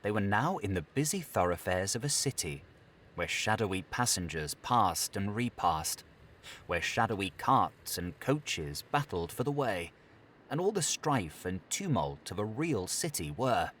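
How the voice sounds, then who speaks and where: A man reading an audiobook with expressive, theatrical narration. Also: on the low side, unhurried, slight background noise. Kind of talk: scripted narration.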